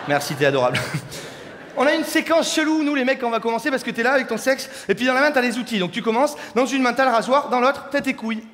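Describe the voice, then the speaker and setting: A man's voice: very high voice, animated, fast talker, fairly bright tone, a little hiss or hum. A young man doing a rowdy, crude stand-up comedy set and bantering with the crowd in a large hall. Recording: live hall reverb with faint crowd ambience.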